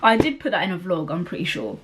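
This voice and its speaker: Sing-song and fast, her fairly low voice has a slightly bright quality. The young woman rambles casually about books as a vlogger, laughing often and leaning on fillers.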